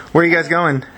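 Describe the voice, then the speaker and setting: A woman's voice: low-pitched, fairly bright tone. A woman talking fondly and laughing while filming a baby at home. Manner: fond, laughing, cooing at a baby. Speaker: family member filming a baby. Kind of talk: casual home video chat.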